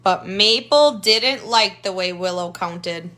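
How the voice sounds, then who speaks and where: Speaking slowly in a medium-pitched, sharp-toned voice, a woman reads a picture book aloud to children as their tutor. She uses child-friendly wording, explains simple points and highlights details with questions and comments.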